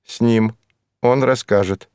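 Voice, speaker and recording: A man reading an audiobook, voicing a strange foreign man who speaks slowly, flatly and haltingly, without emotion. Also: medium pitch, clean tone, no echo, clean studio sound, close to an everyday voice. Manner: slow, flat, halting speech without emotion. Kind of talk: audiobook character voice.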